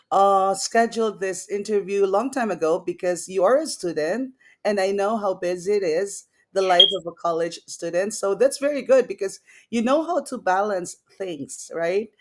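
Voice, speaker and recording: A woman's voice: mid-range voice, a little slow. A woman hosting an online interview show, talking in an enthusiastic, effusive way. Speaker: host.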